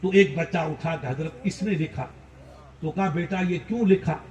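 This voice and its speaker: A man in his fifties from India, preaching an impassioned sermon that rises into shouts, recorded at a distance in a large hall. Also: a little high, normal speed, highs cut off. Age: 50s. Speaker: Islamic preacher. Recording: roomy, from far off the mic.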